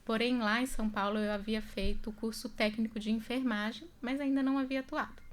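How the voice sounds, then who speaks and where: A woman in her thirties from Brazil, a nurse guest on a radio show, telling her story in an earnest, measured way in the studio. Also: fairly high pitch, fairly even intonation, a little hiss or hum. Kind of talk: radio interview. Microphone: studio microphone.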